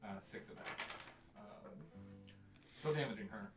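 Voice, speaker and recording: A man's voice: fairly low pitch, a little slow, far from the mic, over loud music. A man running a tabletop game as dungeon master, chatty and laughing often. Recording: roomy, off-mic.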